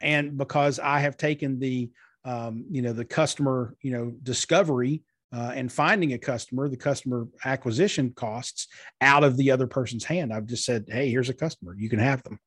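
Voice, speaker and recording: Man, husky voice, dry close sound, earnest interview guest. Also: medium pitch, moderate pace, a bit bright, no room sound. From eastern Kentucky, USA. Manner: earnest, explanatory, with frequent fillers. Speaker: guest, marketing strategist. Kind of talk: conversational interview.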